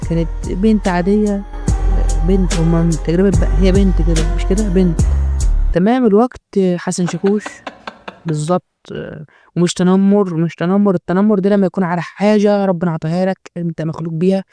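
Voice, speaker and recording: A man's voice: sits high, steady tone, fast, mellow, faint music behind. A man with an Egyptian accent giving natural unscripted, joking commentary as a host, in a mocking, rambling way.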